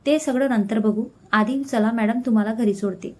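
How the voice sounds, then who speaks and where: A stubborn young woman in a storybook reading who brushes off worry in a gentle, reassuring voice, as a woman narrator reads her. The pitch sits fairly high. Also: moderate pace, lightly acted.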